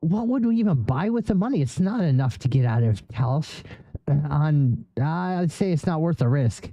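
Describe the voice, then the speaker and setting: A man voicing a wary young woman trapper who argues against a risky job, raising his pitch for her. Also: expressive, moderate pace, mellow, no room sound, poor audio. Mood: skeptical. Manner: objecting, doubtful.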